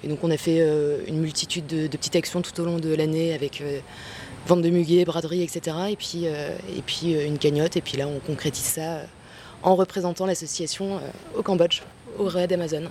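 A woman's voice: deep voice, fairly even intonation, brisk, darkish tone, a little hiss or hum. A woman, a doctor, chatting enthusiastically about a race with lots of hesitations. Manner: enthusiastic, many fillers. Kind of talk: casual interview. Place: outdoors in Cambodia.

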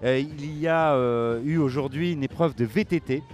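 A man's voice: a little high, normal speed, darkish tone. A man hosting an on-site radio interview, hesitant and full of fillers, with music playing behind him. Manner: hesitant, many fillers, insistent about mic distance. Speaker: radio host.

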